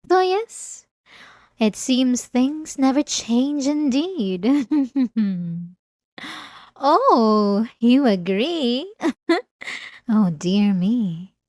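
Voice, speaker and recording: In an intimate ASMR roleplay, a woman voices an obsessive, centuries-old vampire lady, her dark, soft voice drawn out extremely slowly with long pauses and teasing, possessive sweetness. She sounds nostalgic and mocking, animated and rather high, sitting close and very dry on the mic.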